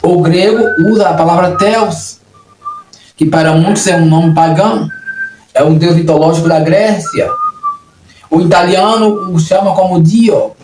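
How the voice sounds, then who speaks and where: A man's voice: sits high, measured pace. Brazilian man preaching in an echoey room. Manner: earnest, repetitive preaching with many restarts. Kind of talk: sermon. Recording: echoey room, distant mic, noisy.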